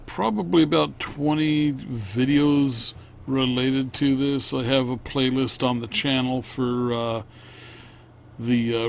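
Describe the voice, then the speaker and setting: A man narrating a casual vlog, unscripted, in a halting, plain-spoken way. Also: mid-range voice, gravelly, a little hiss or hum. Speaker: vlogger.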